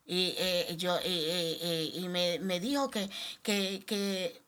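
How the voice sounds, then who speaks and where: A middle-aged woman giving a personal faith testimony on a podcast, halting and restarting, her voice rising sharply as she pleads. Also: fairly low pitch, steady tone, a bit bright. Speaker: guest sharing testimony.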